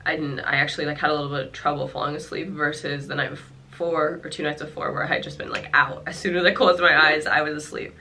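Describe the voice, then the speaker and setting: A young woman vlogger sits at home and chats casually to the camera about her illness, her voice congested and nasal. She talks fast in a low, flat, bright, forceful tone with hardly any pauses, rambling with fillers and little laughs. There's a slight hiss or hum.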